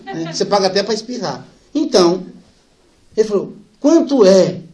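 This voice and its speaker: A man giving a spiritist lecture, telling family anecdotes lively and softening for the sad parts. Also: high-pitched, brisk. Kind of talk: storytelling lecture.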